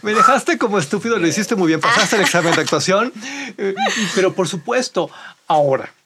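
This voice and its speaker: A man hosting an interview, teasing and excitable, setting playful challenges. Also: high voice, fairly quick, heavy background noise.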